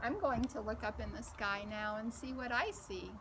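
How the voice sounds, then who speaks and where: A woman with a fairly high voice hosts a children's story time against a noisy background. She reads aloud slowly and expressively as the storybook reader, asking questions directly of her young listeners.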